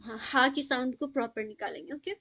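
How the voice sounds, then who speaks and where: High-voiced woman teaching tajweed. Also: expressive, vocal fry, bright, forceful tone. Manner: patient, explains step by step, mixing in English words. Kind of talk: live online Quran recitation lesson.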